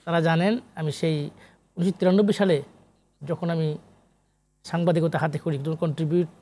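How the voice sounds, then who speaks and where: A talk show guest with a Bangladeshi accent, a middle-aged sociologist and literary researcher, speaks at normal speed in a fairly high, steady, mellow voice. His explanations run long and emphatic, with repeated phrases and English terms sprinkled in.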